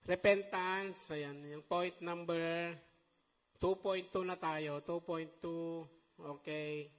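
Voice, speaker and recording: A middle-aged man preaching a sermon, lively and animated, often checking in with the congregation. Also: on the high side, takes it slowly. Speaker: pastor. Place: church hall. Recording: long church-hall reverb.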